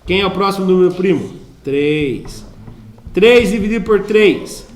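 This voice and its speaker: A Brazilian man with a Brazilian Portuguese accent teaches math in a school classroom, playful and chatty, quizzing students as he works through problems. His voice is high-pitched, expressive and unhurried, and the room sounds echoey.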